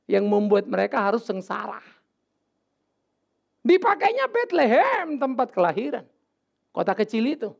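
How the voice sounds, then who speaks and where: A male pastor preaching a sermon in a casual, animated way, with sudden loud outbursts and English words mixed in. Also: high voice, creaky. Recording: dull lo-fi sermon recording.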